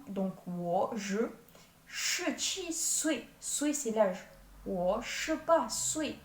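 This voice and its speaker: A woman giving a language lesson, patiently explaining step by step and sounding out foreign words slowly. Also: on the high side. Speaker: Chinese language teacher. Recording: echoey room, distant mic.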